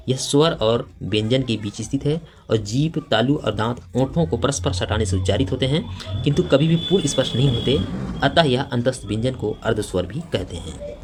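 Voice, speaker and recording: A man's voice: mid-range voice, animated, moderate pace, background noise. A man teaching a grammar lesson for exam preparation, reading out each question and its options and explaining them step by step with frequent fillers.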